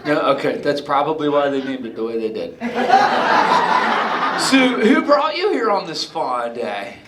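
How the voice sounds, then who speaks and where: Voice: mid-range voice, big pitch swings, a little slow. A performer voicing a laid-back surfer-dude male sea turtle who chats with a live audience in drawling surfer slang, playful and teasing. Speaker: live show character talking with audience. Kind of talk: improvised live audience interaction. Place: indoor theater with live audience. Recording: echoey theater with loud crowd noise.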